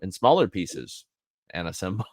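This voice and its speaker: Low-voiced relaxed man, dry podcast mic. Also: moderate pace, no room sound. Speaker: podcast co-host, real estate agent. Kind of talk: casual podcast chat.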